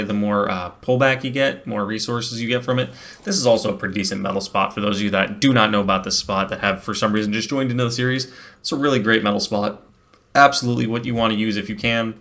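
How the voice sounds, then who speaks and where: A man with a somewhat low voice talks through his game session in a relaxed, chatty way. He explains each step as he plays, with plenty of fillers and restarts, into a desk microphone at his computer. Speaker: gameplay video host. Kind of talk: casual gameplay commentary.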